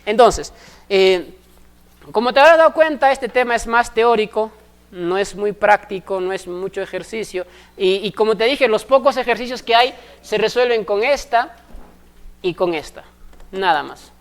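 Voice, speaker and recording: A woman, teaching a recorded math class step by step and often pausing to ask if her students follow. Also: mid-range voice. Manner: explains step by step, constantly checking in with short questions.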